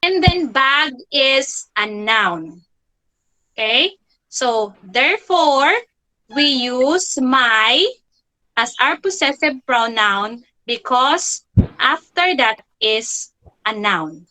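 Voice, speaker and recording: Woman teacher, online kids' grammar lesson; high, bright, slow, repeats everything and checks with "okay?". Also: expressive, poor audio. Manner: repeats key phrases, constantly checks with "okay?".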